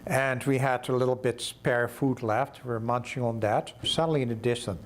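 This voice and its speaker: A man's voice: mid-range voice, fairly even intonation, normal speed, noisy background. An older man recounting an adventure in a documentary interview, telling it vividly and acting out the dialogue.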